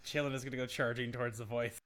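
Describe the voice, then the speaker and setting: A playful player in a tabletop role-playing game who jumps in with quick questions and laughs. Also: mid-range voice, little pitch movement, fairly bright tone. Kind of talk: casual tabletop role-play.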